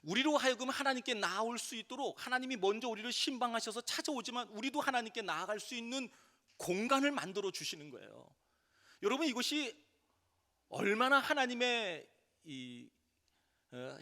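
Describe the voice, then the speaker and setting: Lively high-voiced preacher in a reverberant church. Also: male voice, normal speed. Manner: animated preaching, acts out quoted voices. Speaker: pastor. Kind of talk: sermon.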